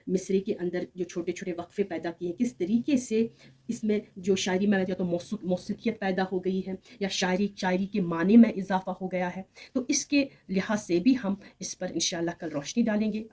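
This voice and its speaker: A woman with an Urdu accent gives a patient grammar lesson, working through spoken examples. Her voice sits a little low, with a mellow, slightly husky tone.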